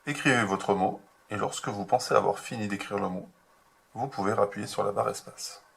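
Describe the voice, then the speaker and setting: A man teaching a remote handwriting lesson to young children, slow and patient, spelling out each step. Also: on the low side, gravelly, a bit bright, slightly rough. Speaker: kindergarten teacher.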